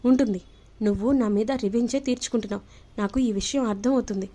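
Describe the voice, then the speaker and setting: A woman's voice: a little high, quick pace, mellow, close to an everyday voice. A woman voicing an angry young husband who scolds his wife, in a telling of a TV serial. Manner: scolding, indignant.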